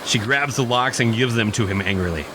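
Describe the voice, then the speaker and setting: A man narrates a horror radio play in a suspenseful, theatrical style, performing dramatic scripted narration. His mid-range voice moves fairly quickly. The background is noisy, with prominent music.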